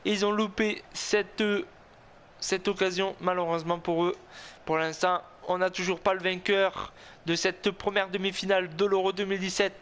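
A man giving excited, tense commentary on his own football video game, repeating words as he cheers himself on. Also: high-pitched, normal speed, clean tone. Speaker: gaming video host.

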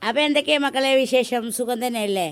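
Homely, chatty woman vlogger with a slightly high voice. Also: fast, smooth. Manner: chatty and homely, calls viewers her children. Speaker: home vlogger. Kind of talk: casual chat to camera.

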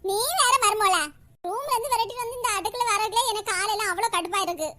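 A woman voicing a playful, scheming old mother-in-law in a comic cartoon, in a Kanyakumari Tamil accent, with a high, exaggerated voice and cackling laughs. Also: fast talker, sharp tone. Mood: sly.

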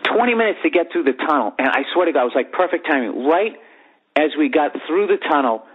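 A man hosting a podcast, telling a profane, rambling comic story in a lively way from his bedroom. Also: a little high, a little fast, husky. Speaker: podcast host. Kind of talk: comedic storytelling monologue. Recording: phone-like lo-fi audio.

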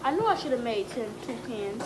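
Young female mukbang vlogger, higher-pitched voice, casual talk while eating, loud dish clatter around her. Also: big pitch swings, a little fast. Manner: talks while eating, in short casual remarks. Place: home kitchen, indoors. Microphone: phone propped on the table. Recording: clattering dishes, noisy home kitchen.

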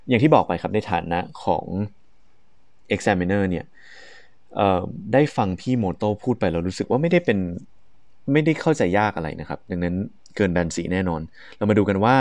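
A young adult man with a Thai accent, explaining exam band scores as a teacher. He reads the English descriptors slowly and chats quickly in between. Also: low-pitched, a little mellow, no echo. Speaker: IELTS speaking teacher.

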